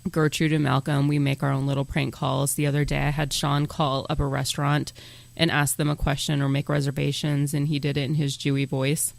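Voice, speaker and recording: Woman co-host, brash and jokey, gravelly edge, dry close mic. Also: deep voice, level tone, fairly quick, dry recording. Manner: brash, joking, gives show plugs. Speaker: podcast co-host. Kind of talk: casual podcast chat.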